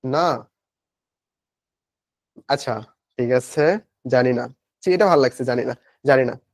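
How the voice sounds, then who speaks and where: A young man with a Bangladeshi Bengali accent teaches a live online admission-coaching class, speaking slowly in a mid-range voice on a dry recording. He's chatty, posing questions and answering them himself, and reads student comments aloud.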